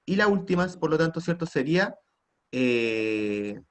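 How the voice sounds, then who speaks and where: A man's voice: fairly high pitch, big pitch swings, a little slow. A man teaching an online class with a Chilean Spanish accent, prompting students with frequent tag questions. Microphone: computer mic on a video call.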